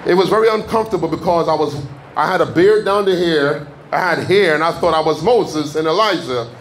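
A man from Jamaica preaching in a church, giving a fervent testimony that builds to shouted declarations. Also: fairly high pitch, a little fast. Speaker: guest preacher. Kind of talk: sermon testimony. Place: church sanctuary.

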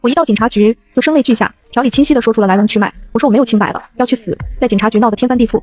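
Woman reading a web novel out loud, slightly high voice, rattles through it super fast. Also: husky. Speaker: story narrator. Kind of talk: scripted web novel narration.

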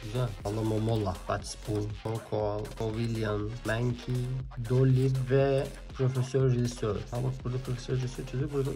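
A man hosting a card-opening video, chatting casually, reading card names under his breath and bursting into loud excitement at good pulls. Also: medium pitch, normal speed, hardly any pauses, over music. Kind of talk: casual pack-opening commentary.

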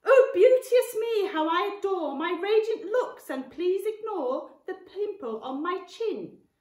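A woman's voice: animated, slow pace, darkish tone, heavily acted. A woman voicing a skinny, vain, spiteful aunt in a storybook, screechy, haughty and snappish. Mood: mocking, vain. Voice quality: screeching, shrill. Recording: roomy, echoey, distant mic.

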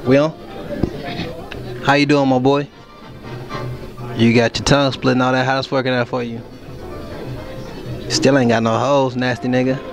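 A man's voice: medium pitch, creaky. A young man hosting a vlog in an indoor museum, talking into a handheld mic, brash and teasing, swearing freely as he jokes around. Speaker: vlog host interviewing people. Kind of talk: casual, crude joking street interviews.

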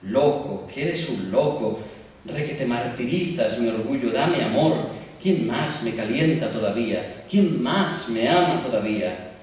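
A man reciting a poem in the voice of an anguished mythic woman lamenting a cruel god, shifting hushed lines to loud cries. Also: medium pitch, animated, a little slow, close to an everyday voice. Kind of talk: dramatic poetry recitation. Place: large university hall. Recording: echoey hall, distant mic, faint hiss.

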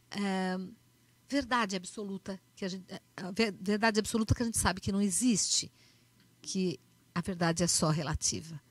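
A woman with a Brazilian accent gives an animated motivational talk, acting out little dialogues as she tells her stories. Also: medium pitch, no room sound. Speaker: speaker.

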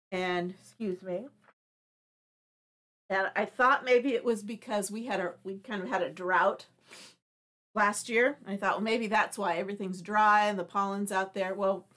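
Her mid-range, slightly bright voice moves at a measured pace with fairly even intonation as this middle-aged craft show host demonstrates live from her home craft room. She is chatty and friendly, rambling and starting over. A stuffy nose from allergies keeps her sniffling.

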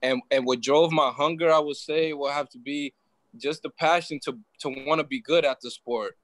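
A man's voice: fairly high pitch, steady tone, normal speed, a bit bright, no room sound, poor audio. A young man from New York answers interview questions on a phone video call. He talks steadily and plainly. The sound is close and dry. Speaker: professional basketball player, panel guest.

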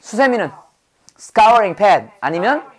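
A woman teaching an English vocabulary lesson, lively and drilling her learners with prompts to repeat after her. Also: medium pitch, moderate pace.

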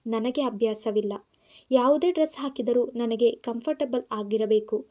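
A woman's voice: fairly high pitch, measured pace, warm tone. A woman narrating an audio story in Kannada-accented speech, voicing the characters' lines herself.

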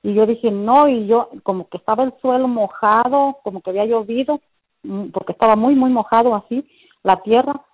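A woman's voice: fairly high pitch, fairly quick, slightly rough. A middle-aged woman giving a personal religious testimony as a guest, telling her story earnestly and repeating phrases, with many fillers. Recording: dull lo-fi sound.

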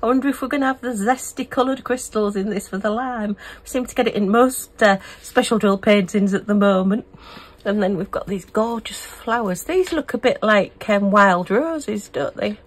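A woman's voice: mid-range voice, normal speed. A middle-aged woman from the UK, chatting casually and gushing as she unboxes and reviews craft kits. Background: a small fan humming.

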